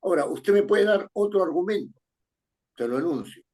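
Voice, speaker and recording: Mellow, husky man teaching a class. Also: sits high, expressive, normal speed. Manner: explains step by step, checks with "¿no?". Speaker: writing teacher. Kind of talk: online class lecture.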